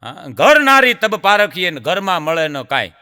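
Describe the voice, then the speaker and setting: A man's voice: high-pitched, moderate pace, clear, resonant tone, in a large hall. A man with a Gujarati accent performing stand-up folk comedy, telling jokes and stories to an audience he keeps calling sir. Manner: lively folk storyteller, addresses audience as sir.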